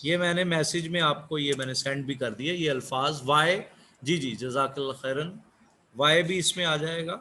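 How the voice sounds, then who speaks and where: A man teaching an online English class, speaking slowly and repeating key words as he explains. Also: fairly high pitch, pushed and bright, slight background noise.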